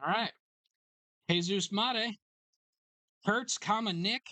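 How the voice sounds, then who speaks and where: A card break host in a sports card shop, briskly calling out card names and serial numbers as packs are opened. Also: medium pitch, pushed and bright, dry recording. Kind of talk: live card break commentary.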